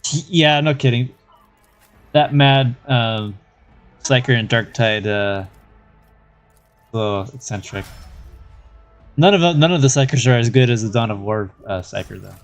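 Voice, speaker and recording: A man gives casual live gameplay commentary in an average-pitched voice. He talks hesitantly, thinking aloud as he goes, with game music playing softly behind him. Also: measured pace, long pauses. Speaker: game streamer.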